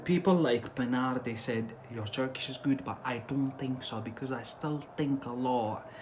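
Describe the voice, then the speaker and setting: Speaking at a moderate pace in a mid-range, slightly mellow voice, an Algerian man teaches English in a relaxed livestream, with a little noise behind him. Algerian Arabic is his native tongue. He stresses points, repeats himself, and keeps asking "yeah?" or saying "that's it".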